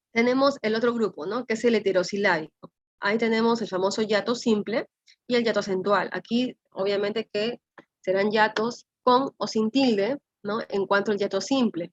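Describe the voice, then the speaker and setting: A woman's voice: fairly high pitch, normal speed. A woman with a Peruvian accent teaching a language class over a video call, explaining step by step and often checking with "¿no?". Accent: Peruvian Spanish. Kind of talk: online class lecture. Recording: slightly dull lo-fi audio.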